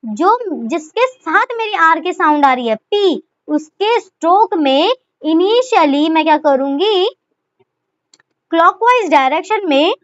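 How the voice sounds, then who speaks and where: Woman shorthand tutor, really high voice, dry dull lo-fi recording. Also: no room sound. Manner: repeats "ठीक है" and asks rhetorical questions while writing. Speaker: shorthand teacher. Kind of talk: step-by-step tutorial explanation.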